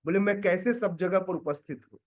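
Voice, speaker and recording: A man preaching a scripture class, explaining slowly with many pauses and asking his listeners rhetorical questions to check that they follow. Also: sits high. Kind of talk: devotional scripture lecture.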